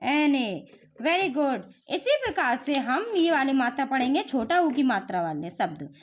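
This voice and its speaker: High-voiced woman teaching children to spell. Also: very animated. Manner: patient, drawn-out syllables, coaxing questions. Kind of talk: home spelling lesson for children.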